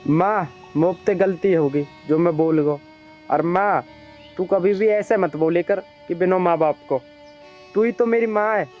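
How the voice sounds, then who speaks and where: Brief: meek Haryanvi orphan, soft and pleading, high voice, dull distant sound. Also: male voice, a little slow, soft background music. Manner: humble, pleading. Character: humble orphaned young man, meek and loyal. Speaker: adopted son in a village drama. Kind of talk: Haryanvi film acting.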